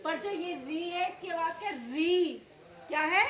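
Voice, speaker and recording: A woman's voice: very high voice, fairly even intonation, fairly quick. A woman teacher giving a Hindi lesson, quizzing the class and repeating words for the children to copy. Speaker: primary school teacher. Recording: dull echoey classroom with children.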